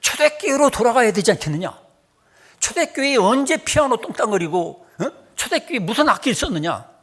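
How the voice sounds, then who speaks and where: A man's voice: very high voice, a little fast, breathy edge. A middle-aged male pastor delivering a sermon, telling humorous stories and acting out quoted dialogue. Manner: animated, humorous storytelling with acted dialect quotes.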